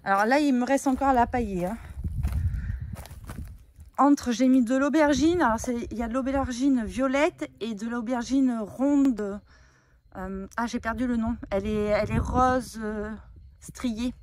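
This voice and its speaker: A woman's voice: on the high side, measured pace, darkish tone, slight background noise. A woman giving a chatty, explanatory walkthrough of her vegetable garden outdoors, with frequent fillers. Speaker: gardening vlogger.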